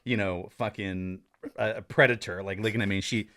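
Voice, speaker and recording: A man's voice: lowish voice, fairly even intonation, fairly quick, sharp tone. A middle-aged man from New Mexico, a podcast guest telling rambling, laughing stories and swearing freely. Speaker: podcast guest, pizza consultant. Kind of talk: casual chat, storytelling.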